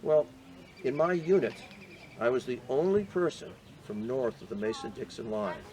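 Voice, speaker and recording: A man in his seventies from the Boston area, a veteran being interviewed, telling his story in a measured, earnest way with frequent hesitations. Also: mid-range voice. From Boston area, USA. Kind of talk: reflective personal storytelling.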